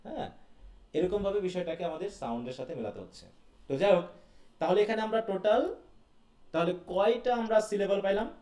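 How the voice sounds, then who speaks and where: A man's voice: high-pitched, fairly quick, pauses often, dark tone. A man teaching an online class, quizzing students and calling on them by name. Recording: roomy echo from far off the mic.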